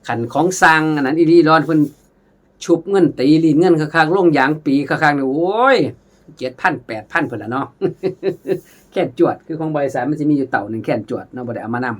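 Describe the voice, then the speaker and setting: A man with an Isan accent giving a casual khaen lesson, chatting warmly to viewers as brothers and sisters and sometimes singing melodies in syllables. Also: fairly high pitch, brisk. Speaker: khaen teacher.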